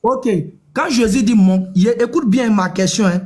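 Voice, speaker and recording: Pushy high-voiced man debating. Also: a little slow. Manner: pushy, repeats demands, tells the other to calm down. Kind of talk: heated street debate.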